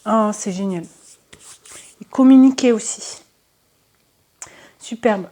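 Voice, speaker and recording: A woman doing a casual card reading for her viewers, chatty and hesitant, with many fillers and soft asides. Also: medium pitch, takes it slowly. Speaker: tarot and oracle card reader.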